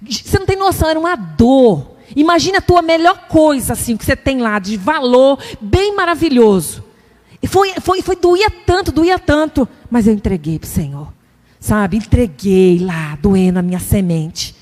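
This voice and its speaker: A middle-aged woman from Brazil preaching a testimony sermon, telling her story in an animated, conversational way and acting out inner voices. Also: on the high side, moderate pace, long reverb tail.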